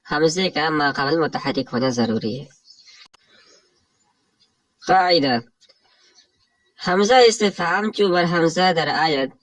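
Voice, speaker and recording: A man's voice: a little high, a bit bright, dry recording, low-quality recording. Man explaining grammar rules, dry recording. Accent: Pakistani Urdu. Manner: explains step by step, reads and glosses a text. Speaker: teacher of Arabic morphology. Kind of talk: religious classroom lecture.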